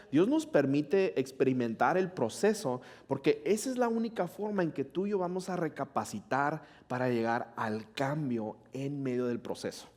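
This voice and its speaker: Mexican pastor telling a chatty story. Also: male voice, a little high. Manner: chatty, animated storytelling, asks the audience often. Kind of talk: sermon with a personal story. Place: church hall.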